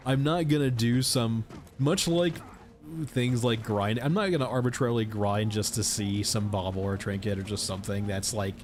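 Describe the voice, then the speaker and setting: A man's voice: fairly low pitch, slight background noise. A congested man streaming a game, chatting loosely with viewers and rambling as he plays. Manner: rambling, chatty, talks to chat. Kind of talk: casual gaming stream chat.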